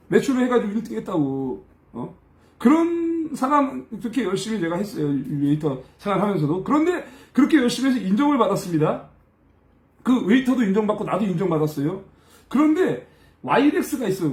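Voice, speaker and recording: A man with a high, lively voice tells stories from his own life in a casual, blunt, colloquial style, swearing freely. He keeps prodding his listeners with short tag questions as he goes. His voice echoes around a roomy space. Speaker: live stream speaker giving a life testimony. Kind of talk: casual personal storytelling.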